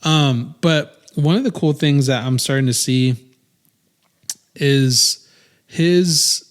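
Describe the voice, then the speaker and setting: A man's voice: a little high, slow. A man in his thirties co-hosting a podcast in casual chat, rambling with many restarts and fillers. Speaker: podcast co-host.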